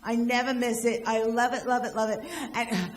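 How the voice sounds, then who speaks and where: An older woman works the room in a stand-up set, brash and quick with her jokes as she teases the crowd. Her voice carries through a roomy, echoing space, with a faint hum in the background. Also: a little high, steady tone. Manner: brash, rapid-fire jokes and crowd work. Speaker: stand-up comedian. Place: live venue with audience.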